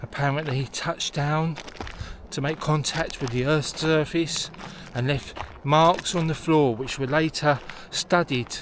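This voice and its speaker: Guy explaining stuff on an outdoor vlog, voice a little high, faint outside noise. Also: steady tone, unhurried. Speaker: host. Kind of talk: explanatory vlog narration on location. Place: outdoors in a forest. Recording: noisy outdoor location sound.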